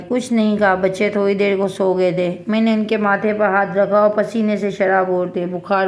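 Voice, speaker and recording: A woman reading a first-person family story aloud in a steady, sorrowful storytelling manner. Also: mid-range voice. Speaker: narrator.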